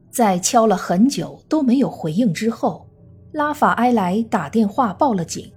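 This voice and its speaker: A woman true crime narrator reading a scripted case story in a measured storytelling manner. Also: mid-range voice, a little mellow, breathy edge. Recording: faint music under the voice. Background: faint background music.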